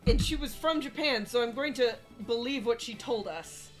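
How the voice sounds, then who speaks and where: A young woman with a slightly high voice chats casually on a gaming stream. She swears freely and keeps breaking off and restarting her sentences. Faint game music plays underneath. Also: normal speed. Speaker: streamer co-host.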